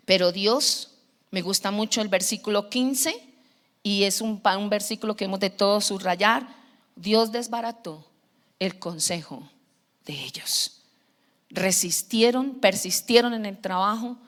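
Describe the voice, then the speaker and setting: A woman pastor, preaching a sermon and acting out the dialogue of the stories she tells. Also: medium pitch. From Colombia. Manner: storytelling with acted-out dialogue, laughing at her own story. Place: large church hall. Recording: long church-hall reverb.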